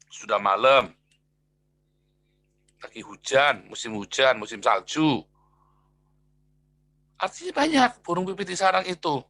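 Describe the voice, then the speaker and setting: Animated, gravelly-voiced preacher man. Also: high-pitched. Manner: animated, swings between loud emphatic lines and quiet asides; acts out quoted people in a raised voice. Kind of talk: sermon.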